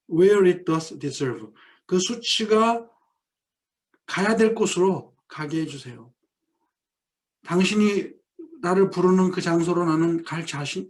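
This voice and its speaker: Slow, higher-pitched male lecturer. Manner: reads English verse lines very slowly and deliberately; explains in plain spoken Korean, acting out quoted lines. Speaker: professor. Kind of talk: lecture on English poetry.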